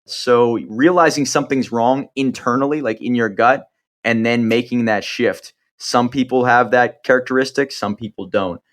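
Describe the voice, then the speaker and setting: A man's voice: medium pitch, fairly even intonation, moderate pace, fairly bright tone. A man hosting a podcast interview, encouraging his guest and summing up ideas in a friendly, conversational way. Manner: encouraging, sums up and adds ideas. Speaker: podcast host. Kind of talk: interview chat.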